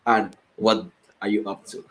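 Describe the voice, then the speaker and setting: A Finnish man hosts an online interview show in a fairly low, level voice that is a bit bright and a little slow. He comes across as friendly, often repeating words and restarting his sentences.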